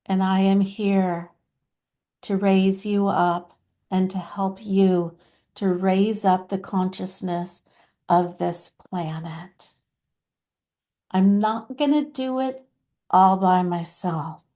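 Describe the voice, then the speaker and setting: Brief: woman voicing a motherly divine spirit, compassionate and soothing, mellow tone, very measured delivery. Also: mid-range voice, fairly even intonation, natural voice. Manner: slow, soothing, motherly address to listeners as children. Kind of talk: channeled spiritual message.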